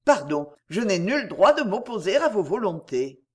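Ardent young suitor from a storybook reading, pleading, impassioned, voiced in a lively way by a woman narrator. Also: medium pitch, moderate pace, husky. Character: earnest lovesick young gentleman.

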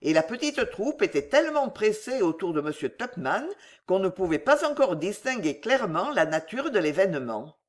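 An audiobook narrator reading a classic novel in a measured, expressive way. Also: mid-range voice.

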